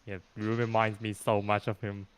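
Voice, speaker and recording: A man's voice: fairly low pitch, monotone, normal speed, slight background noise. A man chatting casually as a player in a tabletop role-playing game.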